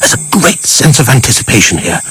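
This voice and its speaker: A man's voice: mid-range voice, very animated, a little fast, a bit bright, slightly rough, heavily acted, poor audio. A man playing an earnest wildlife commentator in a nature documentary spoof. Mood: hushed anticipation.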